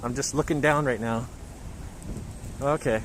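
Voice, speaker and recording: A man's voice: medium pitch, measured pace. Chatty man on a city street. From Japan. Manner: chatty, reading out viewer comments. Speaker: livestream host. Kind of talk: casual livestream walking tour. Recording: outdoor street recording with traffic noise. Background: traffic and street noise.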